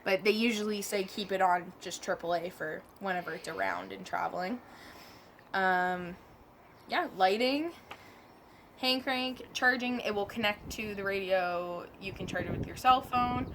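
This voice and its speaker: In a mid-range, fairly bright voice with slight background noise behind it, a product reviewer walks through a hands-on demo. She keeps it informal and chatty, correcting herself along the way.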